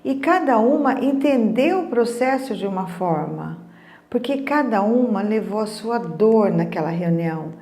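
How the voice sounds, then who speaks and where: A woman's voice: mid-range voice, animated, unhurried, dark tone, echoey room. A middle-aged Brazilian woman giving a casual talk on emotions, chatty, often asking "né?" and retelling conversations. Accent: Brazilian Portuguese. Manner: conversational, frequent tag questions, retells dialogue. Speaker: emotional wellness speaker. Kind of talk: casual teaching monologue.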